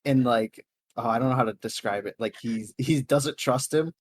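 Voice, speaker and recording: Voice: mid-range voice, normal speed, dry recording, clean studio sound. A tabletop player who laughs often and talks loosely. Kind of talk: casual game chat.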